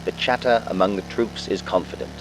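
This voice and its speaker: A man with a fairly low voice narrates in the style of a wartime newsreel. His delivery is scripted, dramatic and declarative, set over clear background music. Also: animated, fairly quick, poor audio. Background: music under the narration.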